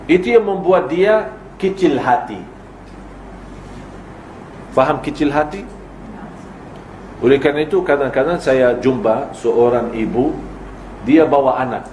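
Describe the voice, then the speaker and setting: A man's voice: medium pitch, unhurried, long pauses, darkish tone. Man preaching in an echoey hall. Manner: lecturing with quoted example lines. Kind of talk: religious lecture. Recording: echoey hall with faint noise.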